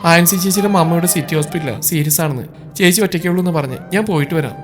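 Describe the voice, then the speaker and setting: A man voicing a gentle, caring young wife in a storybook reading, speaking softly and steadily. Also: lowish voice, fast, over music, close to an everyday voice. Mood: concerned.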